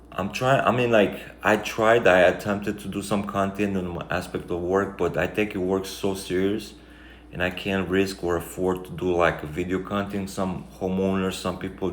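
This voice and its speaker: Romanian man, low monotone, reflective vlogger, casual chat, roomy sound. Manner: reflective, rambling, many fillers. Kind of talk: casual life-update monologue. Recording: echoey room, faint background noise.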